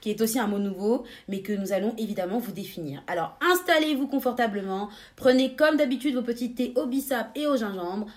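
A woman's voice: on the high side, lively intonation, brisk, hardly any pauses. Bubbly young woman podcast co-host. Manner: bubbly, laughs often, many fillers. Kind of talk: casual podcast chat.

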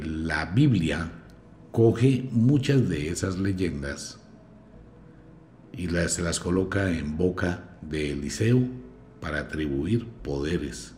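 A low-voiced man hosts his podcast and reads scripture aloud, mocking it bluntly as he goes. His tone is dark and mellow, and his pitch swings widely as he tells the story. He sounds like a lively, scornful storyteller. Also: slight background noise. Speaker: podcast host. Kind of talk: scornful commentary with Bible reading.

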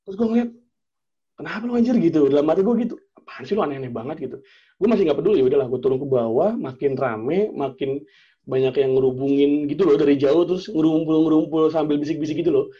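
A young man in casual chat, telling a personal story in an animated way, acting out the dialogue and using plenty of slang and fillers. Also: a little high, fast, slightly rough, muffled recording.

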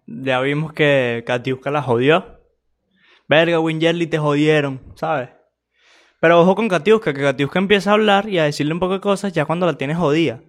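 Venezuelan man laughing through commentary. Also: fairly high pitch. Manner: laughing, animated, slangy storytelling. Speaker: video commentator. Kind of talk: casual reaction commentary.

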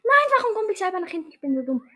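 A young woman plays a game with a friend, teasing and joking in slang. Her voice is high and lively, and it jumps around a lot as she yelps and laughs along. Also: very fast. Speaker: gamer. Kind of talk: casual gaming chat.

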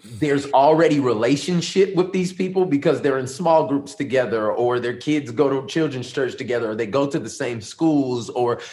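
Middle-aged man, pastor, earnest and reflective, mid-pitched voice, relaxed conversational interview answers. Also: moderate pace, few pauses. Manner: earnest, reflective storytelling with many ums. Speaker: lead pastor.

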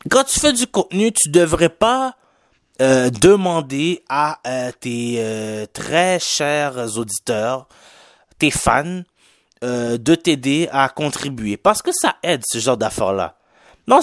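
A man's voice: medium pitch, dry recording, clean studio sound. A young man from Quebec with a Québécois French accent that has a slight Haitian touch, hosting his own podcast in a chatty, rambling solo monologue full of fillers and English slang. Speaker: podcast host.

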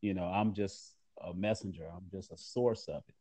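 A man giving measured, earnest interview answers in fairly formal wording as a magazine editor. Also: sits low, fairly even intonation, dark tone, no room sound.

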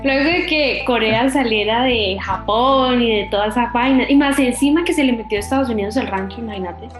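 A woman from Colombia with a fairly high voice co-hosts a podcast. She sounds lively and relaxed. Her voice rings in an echoey room, and light music plays underneath. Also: brisk. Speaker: podcast co-host. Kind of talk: semi-scripted podcast chat.

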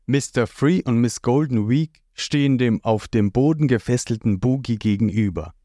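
A man narrating a recap of a comic story in a slow, lively way. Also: medium pitch, dry recording, studio quality.

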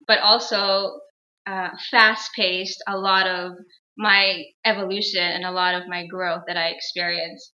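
A young adult woman from Guyana, a guest healer and educator, telling her life story in a measured, earnest way with frequent pauses. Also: mid-range voice, bright, forceful tone. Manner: measured, earnest, pausing often. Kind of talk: reflective personal storytelling. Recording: roomy, dull lo-fi sound.

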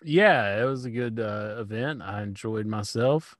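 A man's voice: on the low side, unhurried, no room sound, clean studio sound. A man chatting casually as a podcast co-host, cutting in with a wry manner. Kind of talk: casual chat.

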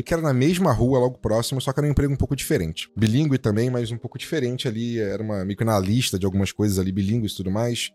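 A man's voice: on the low side, a little mellow. A young man, a podcast co-host, telling a work story in a rambling, slangy, profane way full of fillers. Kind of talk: casual storytelling chat.

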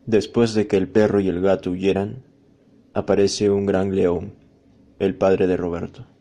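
A man with a deep, gravelly, dark voice narrating a children's fable. He reads in a calm, measured way.

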